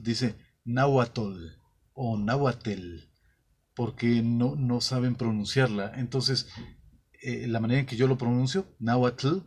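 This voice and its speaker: Mexican guy explaining stuff on his channel, medium voice, lots of ehs and restarts, thinking out loud. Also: medium pitch. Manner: thoughtful, pausing often with fillers and restarts. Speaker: channel host. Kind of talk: casual explanatory talk.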